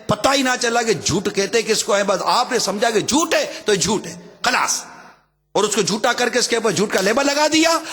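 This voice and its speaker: High-voiced emphatic male preacher. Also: lively intonation, a bit bright, husky. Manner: emphatic, repetitive, rhetorical questions. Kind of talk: sermon. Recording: hall with long reverb.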